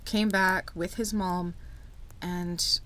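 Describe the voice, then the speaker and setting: Female true crime narrator for a podcast, slightly low register, scripted storytelling with informal asides, light background noise. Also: steady tone, drawn-out words, a bit bright.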